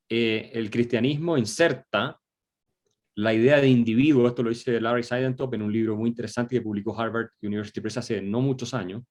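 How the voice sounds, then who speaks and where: A man's voice: mid-range voice, a little mellow. A man, a guest explaining ideas at length in a political discussion, with frequent hesitations and tag questions. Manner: lecturing, many filler "eh" and tag questions. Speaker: guest commentator.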